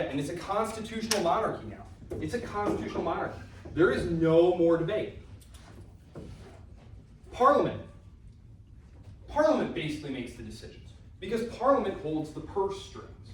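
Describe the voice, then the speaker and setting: A man's voice: a little high, darkish tone, slight background noise. A man lecturing to a class in an easygoing, conversational way, tossing in fillers and side remarks as he goes. He sounds far from the recorder, and the classroom echoes heavily. A faint room ambience hums behind him. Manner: chatty, informal, with many fillers and asides. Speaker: history instructor.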